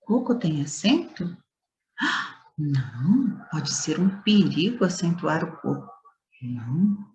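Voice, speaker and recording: A woman's voice: low voice, very animated, slow pace, long pauses, a little mellow, slight background noise. A woman teacher giving a playful lesson to schoolchildren, stretching words and leaning hard on stressed syllables.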